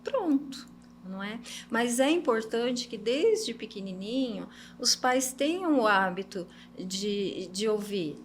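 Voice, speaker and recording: An older woman, a psychologist guest explaining things calmly in a podcast and often ending points with a questioning tag. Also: a little high, takes it slowly, slight background noise. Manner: calm, advising, ends points with "não é?".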